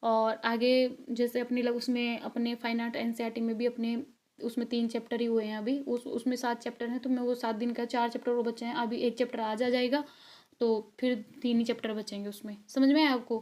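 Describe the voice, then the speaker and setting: Chatty woman teacher, dark voice. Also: a little high, level tone, brisk. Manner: chatty, encouraging, coaxing students; frequent check-ins and fillers. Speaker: exam-prep teacher. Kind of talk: recorded video lesson.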